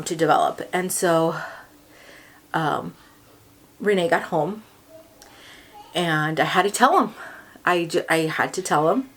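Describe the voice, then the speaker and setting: A woman's voice: low voice, a bit bright. Emotional young woman, rambling story. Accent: Californian English. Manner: emotional, rambling, many fillers and restarts. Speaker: vlogger. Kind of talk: personal storytelling to camera.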